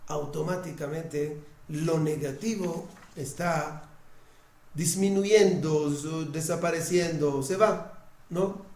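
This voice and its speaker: A man's voice: a little high, reverberant. A man giving a lecture on Torah, often checking that his listeners follow and repeating words as he restarts. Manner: checks understanding often with short questions. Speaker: religion teacher.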